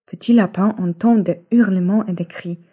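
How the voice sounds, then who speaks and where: A woman narrating a bedtime story in a soothing, expressive way. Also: mid-range voice, normal speed, husky, lo-fi sound.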